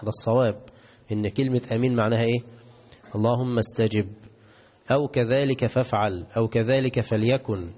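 A man's voice: medium pitch, darkish tone. A man with an Egyptian accent giving a religious lesson, asking his listeners questions and answering them himself. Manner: asks the audience questions and answers himself, mixes classical and colloquial. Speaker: sheikh teaching hadith. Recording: dull recording in a reverberant hall.

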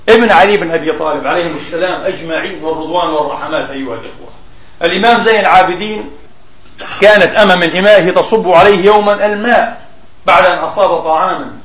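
A man delivering a sermon, stretching out quoted texts slowly and pausing to explain words. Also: sits high, roomy sound, rough recording. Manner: slow emphatic recitation of quotes, explanatory asides. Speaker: preacher. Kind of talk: Friday sermon.

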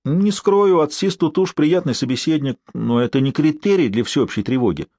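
A man's voice: a little high, moderate pace, a little mellow, no echo, voice pushed up. Man reading a sarcastic, grumbling young ruler. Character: sardonic, weary young male ruler.

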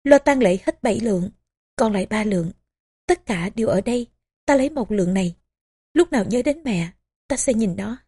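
A woman's voice: medium pitch, animated, brisk, pauses often, dark tone, husky. A woman reading as a grieving young nobleman. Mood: quiet, resolved. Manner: sobbing, pleading words to his mother.

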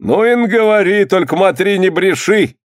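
A man's voice: high voice, animated, moderate pace, dry recording, studio quality, voice pushed up. A man voicing a cruel boyar who interrogates a prisoner, issuing commands in a sneering tone. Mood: mocking. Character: cruel stern male boyar interrogator, mocking.

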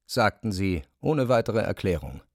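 A man reading literary narration for a radio play, measured and even. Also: lowish voice, no echo, clean studio sound.

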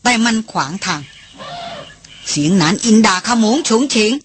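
A woman reading an adventure novel aloud as an audiobook in a steady, measured storytelling voice. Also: mid-range voice, slight background noise. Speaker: audiobook reader. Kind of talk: scripted narration.

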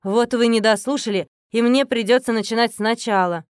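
A woman's voice: fairly high pitch, normal speed, clear, resonant tone, no room sound, studio quality, lightly acted. Weary, pedantic male duty officer in an audiobook, muffled and sighing, read by a woman. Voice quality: muffled, strangled.

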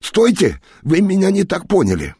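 A man's voice: sits low, animated, moderate pace, darkish tone, husky, no room sound, clean studio sound, exaggerated voice. A man voicing a frightened, indignant English male spy in an audiobook. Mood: shrieking. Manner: indignant, panicky.

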